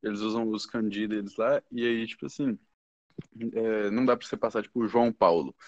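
A man's voice: on the low side, fairly even intonation, a little fast, a little mellow, no echo. A young man with a Brazilian Portuguese accent telling stories in a loose, rambling way as a podcast guest, full of slang fillers. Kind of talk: casual chat. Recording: dull, muffled podcast audio.

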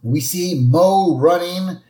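A man with a fairly high voice talks at an unhurried, drawn-out pace while recapping a cartoon episode on a podcast. He drops into brief character voices along the way. The sound is roomy and echoey. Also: mellow. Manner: retells scenes with quick put-on character lines. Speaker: podcast co-host. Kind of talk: casual chat recapping an episode.

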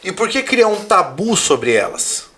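Man, host of a live chat, teacher, measured and explanatory, slightly higher voice. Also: big pitch swings, bright, forceful tone, a little hiss or hum. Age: adult, father of a young child. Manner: measured, explanatory, reads viewer comments.

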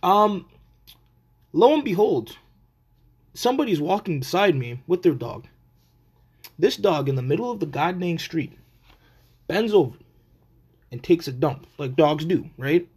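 A man's voice: on the high side, a little slow, pauses often, slightly rough. Blunt, slangy man ranting casually. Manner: profane, blunt, animated street-slang delivery. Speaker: podcast host.

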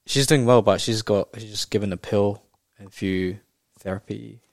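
Male guest from Japan, native Japanese speaker, low voice, dry close sound, halting casual talk peppered with Kiwi slang. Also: fairly even intonation, creaky, no echo. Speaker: podcast guest, rugby player. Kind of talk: casual interview chat.

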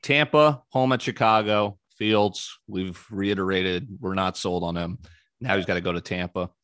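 Casting note: man hosting a betting show, low voice, dry close sound, chatty and opinionated. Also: fairly even intonation, normal speed, a bit bright, clear, resonant tone, dry recording. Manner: breezy, opinionated, frequent ums. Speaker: sports betting podcast host. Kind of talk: casual sports betting talk.

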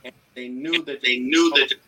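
A man, a guest singer, talking over a video call whose audio keeps breaking up and cutting in and out, so his phrases come through short and halting with gaps. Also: mid-range voice, steady tone, bright, forceful tone.

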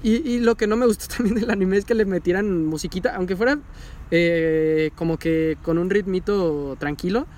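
A man, recapping a show with loud, animated enthusiasm. He talks casually and swears freely as the excitement builds. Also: high voice, moderate pace. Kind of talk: casual chat recapping an anime.

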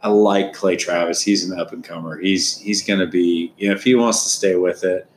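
A man's voice: low voice, fairly even intonation, normal speed, roomy sound, slight background noise. A man in his thirties co-hosting a casual sports podcast, rambling and restarting his sentences. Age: 30s. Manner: rambling, repeats words, many restarts. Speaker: podcast co-host.

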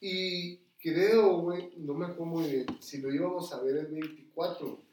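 A podcast storyteller with a Mexican accent spins a tale among friends, swearing freely and tacking slang onto nearly every phrase. His voice is high-ish and darkish, steady at normal speed, with slight background noise, roomy echo and a distant mic.

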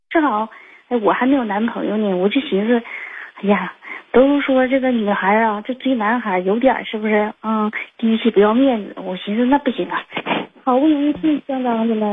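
Husky young woman on a phone line. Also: a little high. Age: 20s. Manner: rambling, many fillers and restarts. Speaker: caller. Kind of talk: telling a personal story on a call-in show.

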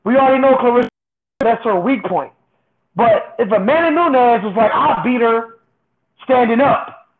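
A man's voice: very high-pitched, normal speed. Man on a glitching, breaking-up call line. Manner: insistent, repeats himself to make a point. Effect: glitching, breaking-up remote call audio. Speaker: podcast co-host. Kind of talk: casual argumentative sports chat. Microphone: headphones with built-in mic on a remote call. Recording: tinny phone-like call line.

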